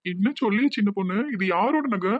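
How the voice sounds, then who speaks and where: A tearful, anxious young village man with a Tirunelveli accent, as a man acts him out in a cartoon. He talks quickly in a high voice and keeps pleading. The sound is dull and dry. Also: no room sound. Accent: Tirunelveli Tamil.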